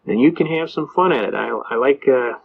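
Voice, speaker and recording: A man's voice: medium pitch, fairly quick, vocal fry, slight background noise. Older man telling folksy stories, lo-fi. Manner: folksy, anecdotal, acts out quoted voices. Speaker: speaker giving advice on citizens' rights. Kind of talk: rambling storytelling talk.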